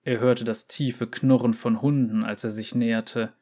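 A man narrating a short story as an audiobook, steady and even. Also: medium pitch, a little slow. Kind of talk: audiobook reading.

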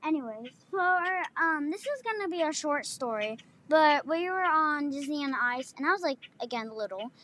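A young woman co-hosting a podcast, chatting casually with quick interjections. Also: high-pitched, expressive, a bit bright. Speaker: podcast co-host. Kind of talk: casual chat.

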